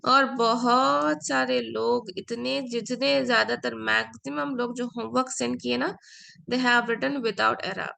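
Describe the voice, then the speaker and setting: A woman with Urdu as her first language teaches an Arabic lesson. Her voice is a little high and heavily gravelly with vocal fry. She explains patiently, repeating key words and mixing in English phrases. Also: fairly even intonation, takes it slowly, pushed and bright. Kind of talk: online class lecture.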